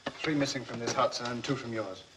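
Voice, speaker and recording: An actor playing a dutiful soldier who gives respectful, matter-of-fact reports in a film. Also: male voice, medium pitch, fairly quick, background noise, close to an everyday voice. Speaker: sergeant reporting to the colonel.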